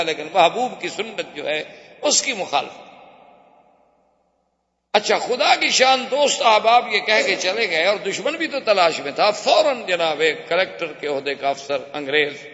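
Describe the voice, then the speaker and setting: A male preacher telling stories in an animated sermon, with shifting pitch and strong emphasis. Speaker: religious preacher. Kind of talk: storytelling sermon. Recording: echoey hall, dull lo-fi sound.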